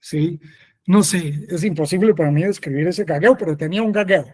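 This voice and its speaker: Friar for a catechesis talk, male, slightly higher voice, soft warm tone, chatty and repetitive. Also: brisk, breathy edge. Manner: conversational, repeats himself, frequent affirming "sí". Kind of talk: spoken catechesis, personal testimony.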